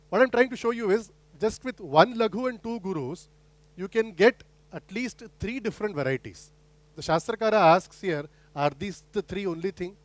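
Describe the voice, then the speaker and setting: A middle-aged man delivers an academic lecture in a fairly high voice. He talks students through a method step by step, posing questions and often restarting his sentences. The recording is dry and close, with little room sound. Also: no echo. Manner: explanatory, poses rhetorical questions, frequent restarts. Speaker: guest lecturer.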